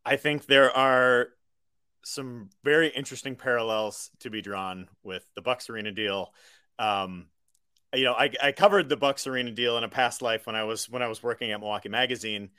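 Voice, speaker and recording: A man's voice: medium pitch, normal speed, sharp tone, smooth, no echo. Dry-sounding American man explaining politics. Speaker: independent journalist, interview guest. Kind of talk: conversational political analysis.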